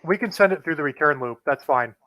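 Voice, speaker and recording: A man co-playing on a game stream, explaining things in a flat, monotone way. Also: a little high, quick pace, dull audio. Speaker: guest co-player. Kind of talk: casual gameplay explanation.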